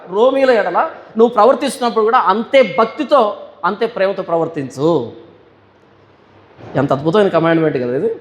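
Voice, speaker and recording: High-voiced man preaching in a reverberant hall. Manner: asks rhetorical questions and answers them; reads scripture verses slowly and deliberately. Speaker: pastor. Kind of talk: Bible study sermon.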